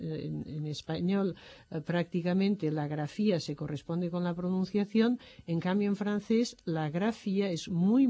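Woman teacher, methodical explainer who pauses with fillers, warm low-key timbre. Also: no echo. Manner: methodical, often pausing on "eh" and "entonces". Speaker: French language teacher. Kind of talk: explanatory lecture.

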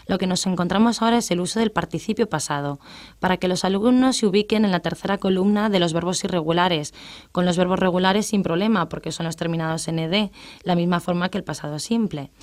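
In a radio lesson, a woman patiently and methodically explains English grammar, reading English examples out slowly. Her voice is lowish with a darkish tone.

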